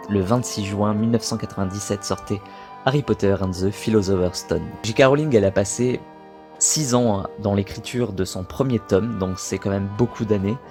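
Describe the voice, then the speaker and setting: A young man from France talking casually to camera, chatty and self-correcting as he goes. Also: fairly low pitch. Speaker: video creator.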